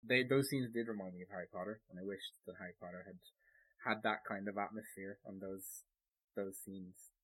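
A man's voice: fairly low pitch, steady tone, fairly quick, a bit bright, husky, poor audio. A man co-hosting a podcast, chatting casually and gushing with enthusiasm, swearing and restarting his sentences. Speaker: podcast co-host. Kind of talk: casual chat.

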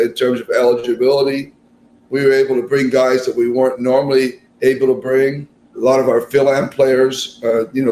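A man's voice: medium pitch, darkish tone, echoey room, a little hiss or hum, low-quality recording. A man, a national basketball team coach, talking through interview answers in a conversational way with frequent fillers and restarts.

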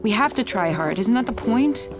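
A woman's voice: a little high, animated, normal speed, music in the background, close to an everyday voice. A woman playing a nervous apologetic wife. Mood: anxious. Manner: nervous, apologetic, talks herself through things. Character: anxious woman hoping to adopt, always apologizing. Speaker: wife preparing for an adoption home visit. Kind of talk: audio drama acting.

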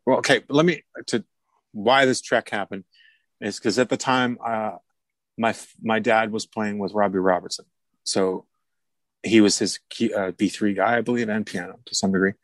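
A lower-voiced man talks loosely in an interview, circling back and restarting his thoughts as he goes. He laughs easily and sounds at ease. The recording is dry and close, with no room sound at all. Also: dry recording. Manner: rambling, self-correcting, laughs easily. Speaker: music producer and artist mentor. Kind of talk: casual interview talk.

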